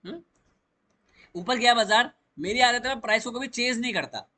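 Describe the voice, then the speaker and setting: Bright-voiced man teaching chart trading. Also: very high voice, normal speed. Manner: explains step by step, mixing English trading terms into Hindi. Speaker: stock market trading educator. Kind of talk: chart walkthrough lesson.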